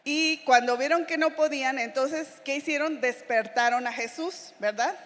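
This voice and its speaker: A woman missionary with a Mexican accent preaches in a relaxed, conversational way, tossing frequent little questions to her congregation. Her voice sits somewhat high. The sound carries the long, lingering reverb of a church hall. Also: moderate pace, a little hiss or hum. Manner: chatty, with frequent tag questions to the listeners. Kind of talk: conversational sermon.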